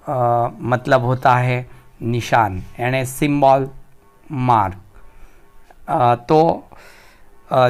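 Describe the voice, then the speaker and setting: Male teacher, Marathi-influenced Hindi accent, unhurried explanatory delivery, faint music underneath. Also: mid-range voice, clean tone. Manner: slow and deliberate, pausing on each term. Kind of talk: slow explanatory grammar lesson.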